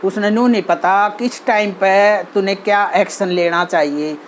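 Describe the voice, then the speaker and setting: A woman's voice: mid-range voice, normal speed, a little hiss or hum. A woman with a Haryanvi accent hosting her channel, talking earnestly about social behavior with many fillers and restarts. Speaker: channel host giving advice. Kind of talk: casual talk on social behavior.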